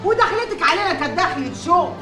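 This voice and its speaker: A fierce Upper Egyptian matriarch in a TV drama, high and swooping, her scolding rising into raw screams. The echoey set carries a faint score and murmuring crowd. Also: animated, fast talker, over loud music. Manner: scolding, then screaming in grief. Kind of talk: TV drama acting.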